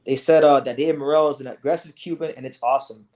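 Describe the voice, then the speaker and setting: A young man from South Florida hosting a casual livestream, talking in an animated way with lots of restarts and swearing. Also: mid-range voice, fast talker. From South Florida, USA. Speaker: livestream host. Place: home, sitting on a beanbag chair.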